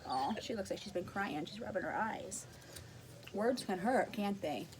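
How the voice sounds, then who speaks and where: Teacher lady reading a storybook to little kids, gentle, stops to explain words. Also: mid-range voice, expressive, measured pace, background noise. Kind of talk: picture-book read-aloud.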